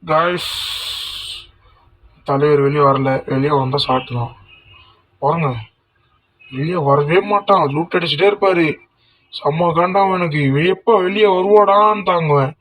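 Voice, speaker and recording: Young man, high voice, excitable game commentary, repeats words in bursts. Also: a little slow, pauses often. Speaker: gaming YouTuber. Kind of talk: live mobile game commentary.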